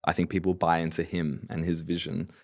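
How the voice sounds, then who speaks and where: A man in his late twenties, founder of a fulfillment company, appears as a podcast guest, talking confidently and agreeably about his business in casual interview style. His voice is low-pitched and level with vocal fry, fairly quick, recorded in studio quality with no echo.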